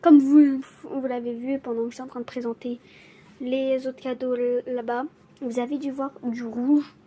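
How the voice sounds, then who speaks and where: A woman who stutters, chatting casually to camera as she shows off her gifts, halting and apologetic. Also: high voice, flat delivery, mellow. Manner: stutters, restarts words often. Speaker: vlogger showing her gifts. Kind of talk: casual unboxing chat to camera.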